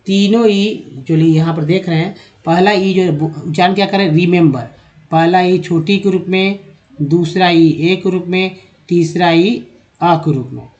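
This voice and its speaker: A man with a Hindi accent takes learners through English spelling and sound, spelling each word out letter by letter with patience. His voice sits a touch high for a man. The recording sounds dull and lo-fi, with the top end muffled. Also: unhurried, a little mellow. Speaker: English pronunciation teacher. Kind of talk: slide-based spoken lesson.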